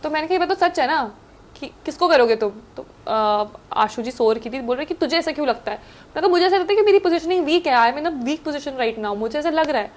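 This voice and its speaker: A young woman, a guest on a chat show, telling stories in a casual, animated way, mixing in English and laughing often. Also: high voice, a little fast.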